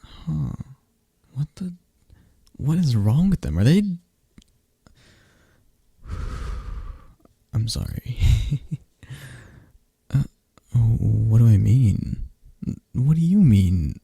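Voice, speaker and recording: In this dry recording, a young man's medium-pitched voice comes across gravelly and slightly rough, very slow and full of pauses. As an ASMR performer, he acts out a scripted close-friend roleplay, talking in a lively, chatty way to an unheard listener.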